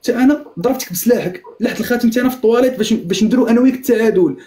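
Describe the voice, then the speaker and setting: Rapid-fire Moroccan man arguing. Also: very high voice, mellow, a little hiss or hum. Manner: insistent, repeats himself, keeps demanding to be heard. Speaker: live streamer. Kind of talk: heated argument on a live stream.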